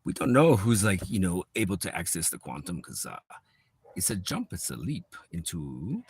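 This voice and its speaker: A man's voice: low-pitched, very animated, normal speed, a little hiss or hum. A man on a livestream, talking in a rambling, repetitive spiritual monologue that drifts into whispers now and then.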